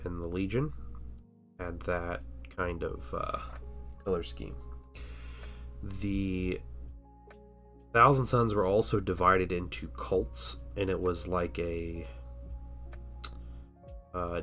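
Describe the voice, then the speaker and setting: Painting miniatures on a relaxed livestream, this host speaks in a low, slightly bright voice made nasal by a stuffy cold. As he concentrates on the work, his talk wanders, stalls, and trails off into murmurs.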